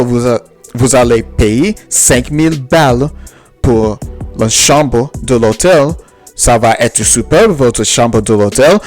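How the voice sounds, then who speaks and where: A man's voice: mid-range voice, darkish tone. A man, an English speaker, giving a casual vlog lesson and spelling words out letter by letter. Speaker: vlogger.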